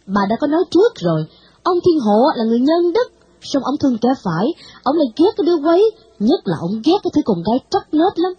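A woman's voice: fairly high pitch, animated, quick pace, breathy edge, highs cut off. A woman voicing a stern older woman who lectures and scolds an orphan girl. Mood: scolding. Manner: reproachful, lecturing.

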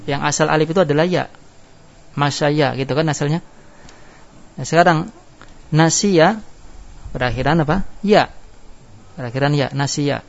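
A man's voice: a little high, moderate pace, vocal fry, long pauses. A male teacher giving a grammar lesson, explaining step by step and asking his class questions that he then answers himself. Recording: dull lo-fi classroom recording.

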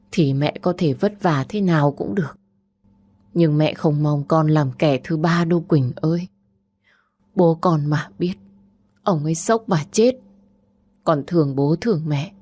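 A woman's voice: low-pitched, unhurried, long pauses, mellow. A woman voicing a distraught middle-aged mother who scolds and pleads with her daughter in an audio story. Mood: pleading.

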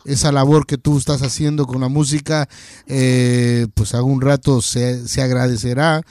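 A man hosting a radio interview, encouraging and halting with many fillers. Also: mid-range voice, flat delivery, a little mellow, dry recording, studio quality. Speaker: radio show host. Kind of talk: casual interview chat.

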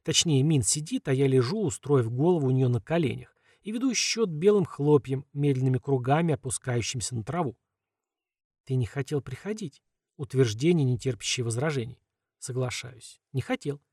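A man narrating a fantasy audiobook in a calm, measured way, often letting phrase endings fall quiet. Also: medium pitch, slightly rough, dry recording, studio quality.

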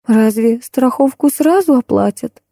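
A frail, weary old woman played by a female audiobook reader speaks in a faint, trembling voice that rustles softly. She sounds tired and pleading, a little higher than the narrator, and the recording is dry and close. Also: expressive, normal speed, dry recording. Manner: tired, pleading, soft-spoken. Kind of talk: audiobook character voice.

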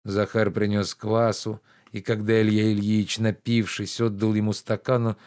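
A man's voice: lowish voice, level tone, measured pace, darkish tone. Man reading a classic novel. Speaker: audiobook reader. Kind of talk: scripted literary narration.

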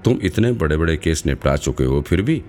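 A sharp-minded young woman investigator in an audiobook, reasoning aloud and probing every detail, as a man puts her on in a raised voice over a very deep natural register. Her lines run with a quiet bed of music underneath. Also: animated, brisk. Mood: doubtful.

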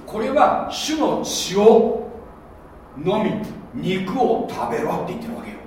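A man preaching a sermon as pastor, animated and often checking that listeners follow along. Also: high-pitched, slow pace, a little hiss or hum. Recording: echoey hall, voice from a distance.

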